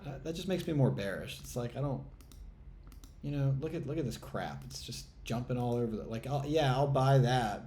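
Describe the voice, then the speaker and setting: Muttering and sighing in exasperation, a trading channel host swears at the chart while commentating live on a trading game he's playing. His voice is fairly low and mellow, and a little hiss or hum runs through the recording.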